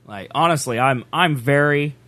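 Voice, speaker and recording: Co-hosting a podcast, a man banters casually and jokingly teases his partner. His voice is fairly high and fairly bright, at a normal speed.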